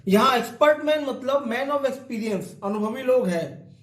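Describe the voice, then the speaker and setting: In an echoey room with slight background noise, a high-pitched, expressive man teaches English literature. He reads English quotations slowly, then explains them in Hindi, going line by line.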